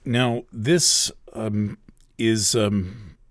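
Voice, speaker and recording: A man giving a spoken astrology forecast in a thoughtful, hesitant way, with many pauses and fillers. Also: lowish voice, dry recording, studio quality. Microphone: close voice recording.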